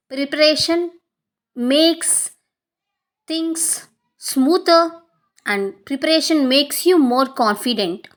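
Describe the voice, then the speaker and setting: A woman's voice: a little high, a bit bright. A woman with a South Indian accent giving earnest, emphatic advice straight to viewers in an instructional monologue. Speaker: career advice video creator.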